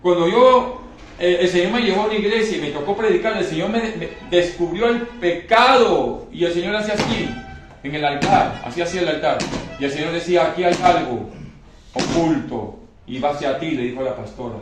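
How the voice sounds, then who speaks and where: A man's voice: high voice, brisk, background noise. A man preaching a sermon emphatically, often asking the congregation whether they understand. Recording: very echoey hall, mic far off.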